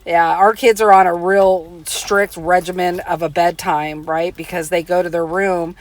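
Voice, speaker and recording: A woman chatting casually as a parent, excitable and quick to laugh, asking her partner questions. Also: fairly low pitch, no echo. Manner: excitable, laughs often, animated. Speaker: parent and interviewer. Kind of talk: casual chat.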